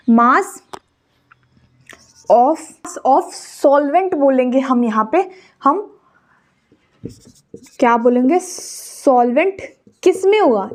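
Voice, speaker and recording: A young woman teaching a chemistry lesson, repeating key terms slowly as she writes them out. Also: high voice. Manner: slow, repeats key terms while writing. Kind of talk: classroom lecture, Hindi-English mix.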